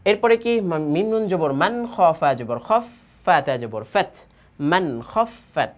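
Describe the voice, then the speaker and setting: A man from Bangladesh teaching tajweed. He spells out each letter, drawls the joined words slowly, and asks himself questions that he then answers. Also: high-pitched, sing-song. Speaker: Quran recitation teacher. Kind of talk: tajweed lesson, spelling and reading aloud.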